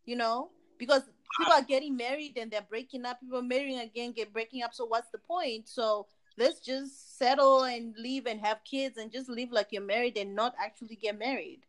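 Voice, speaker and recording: Lively woman from Zimbabwe, chatting. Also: on the high side, low-quality recording. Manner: animated, laughing, quick asides. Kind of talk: casual conversation.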